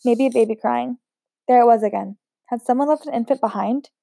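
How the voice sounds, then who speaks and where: A woman reading a novel aloud at a steady pace, unpolished, with occasional slips and restarts. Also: a little high, fairly quick, creaky, dry recording. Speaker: audiobook reader.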